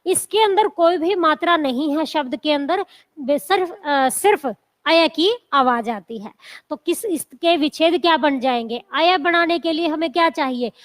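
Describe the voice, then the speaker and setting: A woman teacher giving an exam coaching lecture, spelling out word parts slowly and asking the class repeated questions. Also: high-pitched. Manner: slow, drawn-out syllable-by-syllable teaching with repeated questions.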